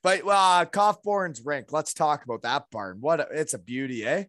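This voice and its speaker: A man's voice: fairly high pitch, moderate pace, a bit bright, dry recording, clean studio sound. A man with a Canadian accent hosting a casual interview, bantering in hockey-bro slang and often tagging on "eh". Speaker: interviewer and former hockey player. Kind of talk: casual chat.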